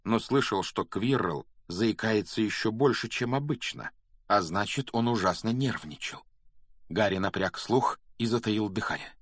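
A man reading a children's novel aloud as an audiobook narrator, steady and measured. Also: low-pitched, no room sound, studio quality. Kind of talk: scripted narration.

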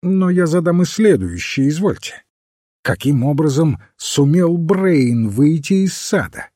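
An irritable, strictly logical doctor, performed by a man with a dark, husky voice. He presses his questions insistently, always on the edge of exasperation. Storybook reading. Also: medium pitch, very animated, a little slow, dry recording, clean studio sound. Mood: exasperated. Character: irritable, logical male doctor, impatient scholar.

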